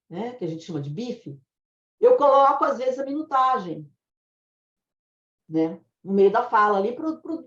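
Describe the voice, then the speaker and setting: A woman's voice: on the high side, darkish tone. A Brazilian woman teaching dubbing translation in a chatty, explanatory way. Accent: Brazilian Portuguese. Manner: chatty, explanatory, laughs at own anecdotes. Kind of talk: informal online lesson. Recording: roomy, dull lo-fi sound.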